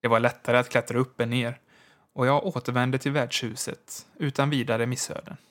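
A man narrating a story in the first person, in a measured storytelling manner. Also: mid-range voice, little pitch movement. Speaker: audiobook narrator.

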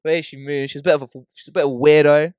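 A man's voice: on the high side, flat delivery, racing, darkish tone, clear, resonant tone, dry recording. Slangy London roadman, dry close sound. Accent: London roadman, urban British slang. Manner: slangy, emphatic, matey. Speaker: podcast host. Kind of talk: casual banter.

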